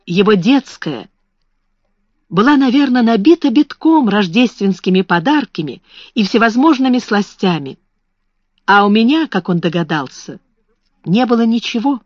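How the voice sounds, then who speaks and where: A woman voicing a proud, hungry young schoolgirl who is usually restrained, read slowly on a dull recording. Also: fairly high pitch, no echo, pitched above the performer's own voice. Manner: restrained, then bitter. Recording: dull, slightly muffled recording.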